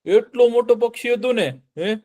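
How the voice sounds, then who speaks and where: Animated storyteller man. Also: extremely high pitch, normal speed. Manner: animated, keeps asking the children questions. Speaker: children's storyteller. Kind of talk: storytelling to children.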